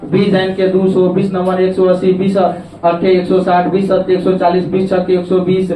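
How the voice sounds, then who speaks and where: High-voiced male teacher. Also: monotone, normal speed, warm tone. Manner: coaxing, repeats checks on understanding. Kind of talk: classroom math lesson. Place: classroom. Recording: echoey classroom from far off.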